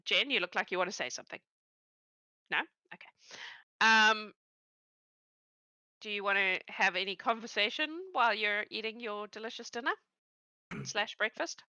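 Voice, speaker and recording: A woman's voice: mid-range voice, moderate pace, pauses often, bright, forceful tone, no room sound, rough recording. A woman narrating a tabletop game as game master, chatty and playful. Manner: chatty and playful, with many fillers.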